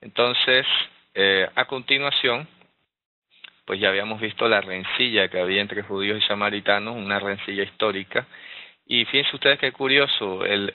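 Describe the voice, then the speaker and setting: A man's voice: lowish voice, no echo. Man teaching scripture over a tinny line. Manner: explanatory, frequent rhetorical "¿verdad?" and "eh" fillers. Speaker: Bible teacher. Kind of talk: Bible study teaching.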